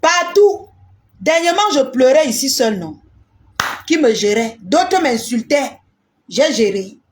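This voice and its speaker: A woman ranting defiantly in a live stream, boastful and repetitive, rising into shouts. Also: sits high, sing-song, measured pace, background noise.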